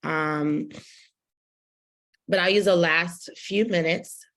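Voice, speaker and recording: A woman's voice: on the low side, slow, fairly bright tone. A woman giving a casual workshop lecture on fashion business, talking loosely with many fillers and asking "right?" as she goes.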